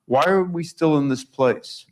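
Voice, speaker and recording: A man's voice: on the high side, measured pace, slight background noise, poor audio. Man moderating, asking searching questions. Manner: searching, rambling rhetorical questions. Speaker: panel moderator. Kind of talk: posing a question on a panel. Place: conference panel.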